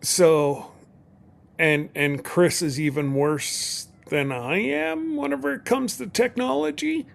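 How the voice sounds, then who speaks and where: A man's voice: high voice, fairly even intonation, takes it slowly, creaky. A middle-aged man chatting casually on a live stream as co-host, rambling and folksy with many restarts.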